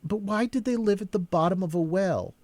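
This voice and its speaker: A man's voice: high voice, brisk, darkish tone, no echo, pitched above the performer's own voice, lightly acted. A man reading a storybook aloud and voicing a polite, inquisitive young girl in a raised voice. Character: prim curious young girl.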